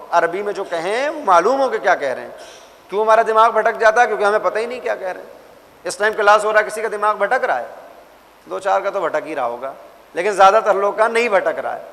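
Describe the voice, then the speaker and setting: A man's voice: sits high, fairly bright tone, long reverb tail. A man teaching a religious class to young people, telling stories and acting out the voices in them. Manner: storytelling, acts out voices in anecdotes.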